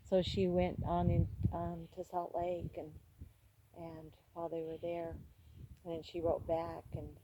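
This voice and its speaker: A sweet older woman, a grandmother, casually reminiscing about family in a halting way, on a noisy amateur recording. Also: lowish voice, completely flat delivery, highs cut off.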